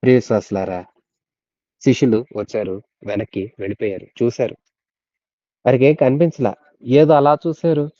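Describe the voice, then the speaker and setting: A man preaching a Bible study sermon, retelling the story earnestly and dropping to soft, low tones at key moments. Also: fairly even intonation, normal speed, pauses often, dry recording, dull audio.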